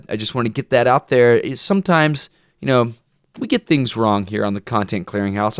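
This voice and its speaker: Smooth-voiced man co-hosting a podcast. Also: fairly low pitch, no room sound, studio quality. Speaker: podcast co-host. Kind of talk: casual podcast chat.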